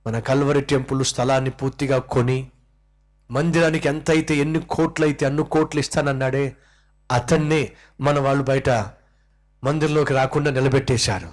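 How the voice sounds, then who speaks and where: A man's voice: mid-range voice, moderate pace. A male pastor preaching a sermon in church, telling a story and putting questions straight to the congregation. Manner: animated, questions the congregation directly.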